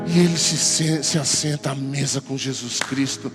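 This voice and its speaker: A pastor with a Brazilian Portuguese accent preaching a sermon, emphatic and full of repeated rhetorical questions. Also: male voice, medium pitch, normal speed. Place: church service. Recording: music playing under the voice.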